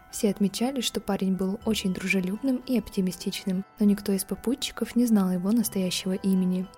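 A woman narrating a scripted true-crime podcast as its host, in a measured storytelling read. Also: medium pitch, mellow. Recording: music behind the voice. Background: background music.

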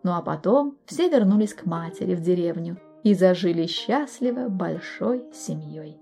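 A woman narrating a fairy tale for children in a gentle, expressive storytelling manner, speaking directly to the listener. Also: lowish voice, moderate pace, gravelly, faint music behind.

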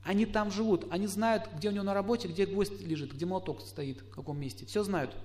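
A middle-aged man giving a lecture, putting questions to his listeners and acting out quoted spouses in lively asides. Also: high voice, brisk. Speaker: astrologer lecturer. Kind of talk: lecture to a live audience.

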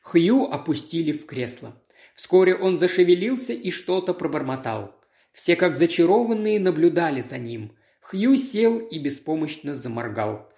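A measured, dramatic audiobook reading of a detective tale at a middle pitch. The voice sits in a roomy space with a clear echo around it. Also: animated, darkish tone. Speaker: audiobook reader. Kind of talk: scripted narration.

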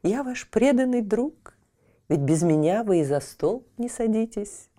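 A woman's voice: medium pitch, animated, unhurried, mellow, voice pushed up, lightly acted. A woman voicing a self-important, devoted male loaf of bread in a children's audio tale, solemn and boastful.

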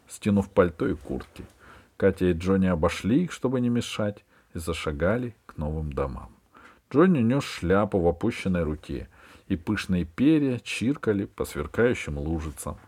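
A man with a fairly low voice reading a children's story aloud. His delivery is steady and measured as he carries the narration. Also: slightly rough. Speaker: audiobook reader.

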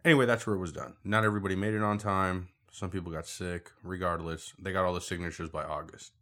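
Deep-voiced man with dry, teasing talk. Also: level tone, quick pace, fairly bright tone. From Puerto Rico. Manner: dry, teasing, matter-of-fact. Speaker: guest, host's older brother. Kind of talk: casual podcast chat.

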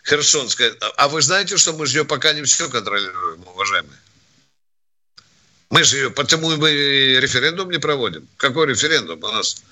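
An older man hosting a call-in radio show, brisk and quick to argue with callers. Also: mid-range voice, expressive, bright, forceful tone.

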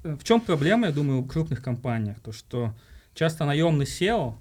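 A man from Uzbekistan with a fairly high speaking voice, chatting as a podcast guest. He explains things at length in a relaxed interview style and keeps addressing the hosts as "guys". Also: normal speed. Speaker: marketing director, podcast guest. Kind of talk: casual interview talk.

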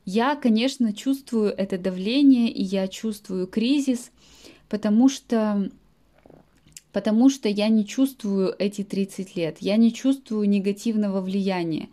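Her pitch sits in the medium range, and she talks at a measured pace with a mellow tone. She's a Russian native speaker in her late twenties who teaches the language, delivering a podcast monologue to students and breaking off to define words in plain terms.

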